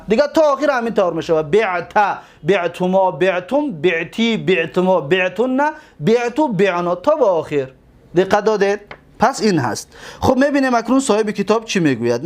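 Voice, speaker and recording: A man with a Tajik accent teaching a grammar lesson, repeating word forms and asking his pupils if they follow. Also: high-pitched. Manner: repeats forms and asks pupils checking questions. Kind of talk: recorded lesson on Arabic grammar.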